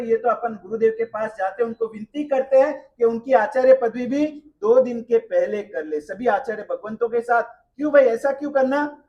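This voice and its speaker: A man telling stories in a sermon at a memorial gathering. He asks the listeners rhetorical questions and swings between loud and soft delivery. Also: extremely high pitch, highs cut off. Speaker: religious speaker at a memorial gathering. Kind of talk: sermon storytelling.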